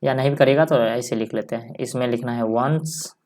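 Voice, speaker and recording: A male maths teacher giving a step-by-step lesson, dictating slowly and repeating each number as he writes it. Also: mid-range voice, a little mellow. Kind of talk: step-by-step lesson while writing on a board.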